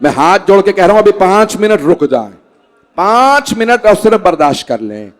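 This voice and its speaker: A cleric with a Pakistani Urdu accent delivers a mourning sermon to a gathered congregation in a large hall. His voice sits high for a man, and he stretches his words into a slow lament that climbs into pleading cries. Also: big pitch swings. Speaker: Shia cleric reciting a majlis. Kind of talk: Muharram majlis sermon with mournful recitation.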